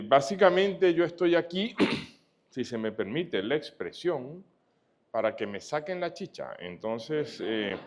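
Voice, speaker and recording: A man from Venezuela giving a formal lecture as guest speaker, courteous and often pausing on "eh". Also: mid-range voice, a little mellow. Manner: courteous, with frequent "eh" hesitations. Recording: dull lo-fi sound.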